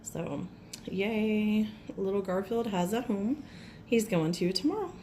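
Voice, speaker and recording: A woman with a cold, her voice a little rough, gushing chattily through an unboxing at home and clearing her throat often. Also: medium pitch, expressive, slow, darkish tone, slight background noise. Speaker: nail vlogger. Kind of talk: casual unboxing chat.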